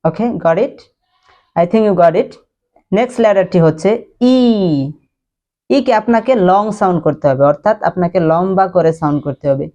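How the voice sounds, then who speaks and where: Low mellow-voiced woman teaching pronunciation. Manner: slow drilling repetition of words; mixes Bengali with English phrases. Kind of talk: spoken English lesson.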